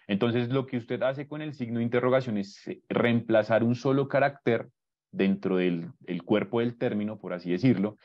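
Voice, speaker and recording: A man's voice: fairly low pitch, muffled recording. A man giving a live webinar tutorial on database searches, explaining step by step and often checking in with "¿listo?". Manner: explanatory, repeats "entonces" and "¿listo?" to check understanding.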